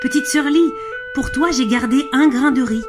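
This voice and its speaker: A gentle wild duck from a storybook, as a woman puts it on, chirping in a bright, lifted, sing-song voice. It sounds kindly and eager, its little refrain bouncing high above the narration, with soft music playing underneath. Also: moderate pace, lightly acted. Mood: sweet pleading.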